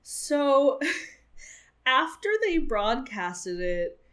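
A woman's voice: fairly high pitch, lively intonation, extremely slow, a bit bright. A woman co-hosting a casual podcast, telling a story in a chatty way with frequent ums and laughs. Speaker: podcast co-host. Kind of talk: casual chat.

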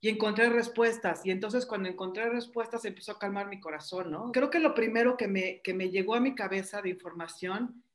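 A woman with a Mexican Spanish accent, a mother telling her personal story in an animated, emotional way. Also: mid-range voice, a little fast, few pauses. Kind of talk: personal testimony in conversation.

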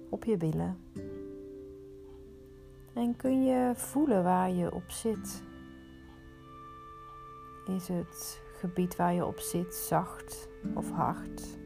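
A woman leading a guided meditation, giving soothing, unhurried instructions with pauses. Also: medium pitch, vocal fry, warm tone, soft background music.

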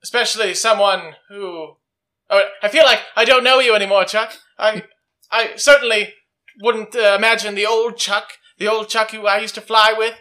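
A man voicing Jack, a wary former aviator, slow and accusing toward an old friend. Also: high voice, a bit bright.

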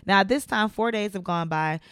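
A woman co-hosting a true crime podcast in casual chat, animated and slangy, acting out quotes. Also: mid-range voice, a little fast, clear, resonant tone, no room sound, studio quality. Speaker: podcast co-host.

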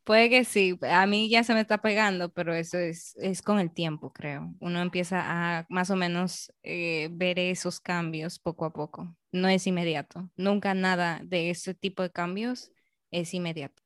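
A woman's voice: fairly low pitch, steady tone, normal speed, no echo, studio quality. A woman from Peru hosting a casual interview, thoughtful and agreeable. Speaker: interviewer, host.

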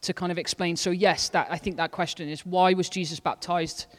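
High-pitched male co-host, earnest Bible study chat, reverberant room. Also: little pitch movement, fairly quick. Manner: earnest, reads scripture aloud at length. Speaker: church leader. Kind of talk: casual Bible study discussion.

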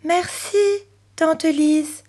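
A woman voicing an eager little girl in a children's storybook reading, speaking high and exclaiming excitedly. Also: drawn-out words.

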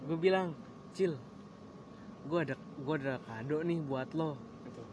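A young man, casually telling a story and acting out his shouting friends. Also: a little high, a little slow, background noise. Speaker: guest storyteller. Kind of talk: casual chat.

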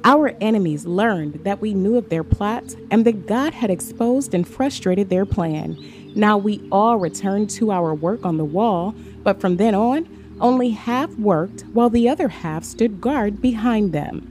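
A woman giving a measured, steady scripted Bible reading. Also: mid-range voice, slight background noise. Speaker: scripture reader. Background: faint background music.

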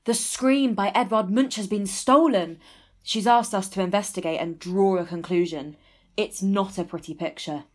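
A young woman playing an eager trainee detective, earnest and expressive, in a comic audio drama. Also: medium pitch, normal speed, close to an everyday voice. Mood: exasperated, insistent. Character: eager, punning young female trainee detective, sensitive and forthright.

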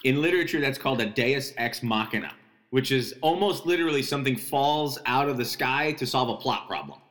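A man's voice: medium pitch, a little fast, a bit bright. A man co-hosting a casual podcast chat about a film, wry, teasing and analytical. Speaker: podcast co-host.

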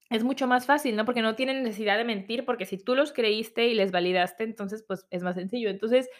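Chatty woman podcaster, higher voice. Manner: chatty, tags remarks with rhetorical questions. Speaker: podcast host. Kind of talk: casual reflective monologue.

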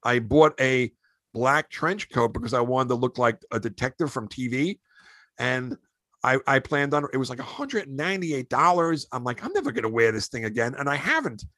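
A man who hosts a podcast, telling animated show-business anecdotes in a casual way. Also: mid-range voice, normal speed, dry recording. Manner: animated anecdotes, acts out quoted voices. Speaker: podcast host and actor. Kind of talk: casual storytelling.

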